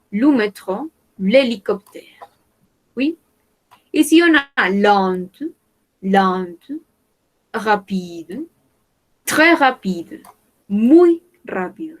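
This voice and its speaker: Slow, careful female French teacher. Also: mid-range voice, poor audio. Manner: slow, careful, repeats words for learners. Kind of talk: online language lesson.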